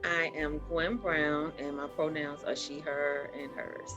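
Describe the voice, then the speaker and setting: A middle-aged woman from Baltimore, USA, is a guest on a video call interview, chatting and reminiscing in a storytelling way with frequent ums and laughs. Her voice is low and level, and she speaks slowly. The recording is muffled, with music in the background.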